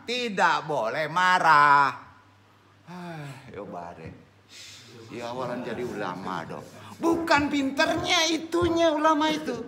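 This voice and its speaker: Animated preacher, bright voice. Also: male voice, high-pitched. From West Sumatra, Indonesia. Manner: animated, questioning the audience. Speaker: religious teacher. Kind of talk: informal Islamic study talk.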